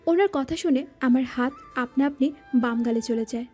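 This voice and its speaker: A woman narrating a romance audio drama in the first person, telling it in a lively manner. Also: high-pitched, normal speed, slightly rough. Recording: faint background music.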